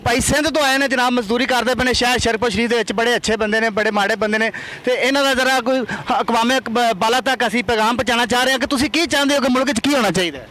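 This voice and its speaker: Brief: male street host, bright high voice, pushy and teasing with strangers. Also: very fast, hardly any pauses. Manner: pushy, playful, coaxing passers-by. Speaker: comic street interviewer and prankster. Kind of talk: comedic street interview. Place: outdoors on a busy street.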